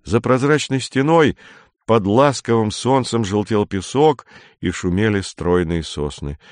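A man with a lowish voice reads a story aloud, measured and expressive. He voices each character himself, and the recording is dry and close. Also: no echo. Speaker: narrator. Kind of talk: storybook reading.

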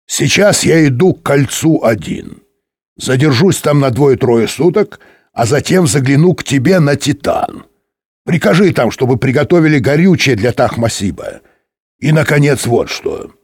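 A pompous male inspector, as a reader puts him on, handing out orders over the radio in an audiobook. He speaks with authority and deliberate pauses, in a husky voice with lively pitch. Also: dry recording, exaggerated voice. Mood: commanding. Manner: authoritative, commanding, pausing. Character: self-important male general inspector.

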